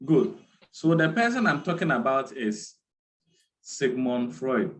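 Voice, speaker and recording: Brief: male lecturer, measured and unhurried, repeats key terms, online class. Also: medium pitch, very animated, faint music behind, low-quality recording.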